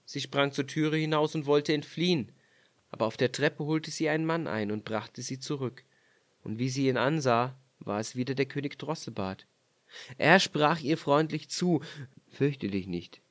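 A man narrating a fairy tale aloud in a measured, expressive storytelling voice. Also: medium pitch.

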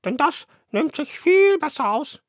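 A man's voice: very high-pitched, big pitch swings, unhurried, dry recording, clean studio sound, pitched above the performer's own voice, full character voice. A man doing a cooing, bossy mother pigeon.

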